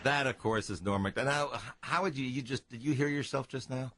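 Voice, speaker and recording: A male radio talk show host chatting casually with a guest, jokey and quick with interjections. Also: medium pitch, pushed and bright, no echo. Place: radio studio.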